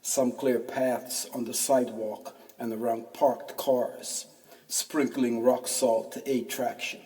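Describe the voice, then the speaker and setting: A man's voice: mid-range voice, flat delivery, slow pace, warm tone. A man in his fifties reading his own first-person essay aloud, wry and full of street slang, heard from a distance in a reverberant room. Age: 50s. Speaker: podcast host and narrator.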